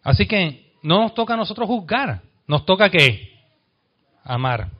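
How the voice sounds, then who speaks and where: A pastor with a Puerto Rican accent preaching a sermon, asking the congregation questions and reading scripture aloud. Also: male voice, lively intonation, moderate pace, slightly rough, dull audio. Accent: Puerto Rican Spanish. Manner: reads scripture aloud, dropping soft and low on key lines.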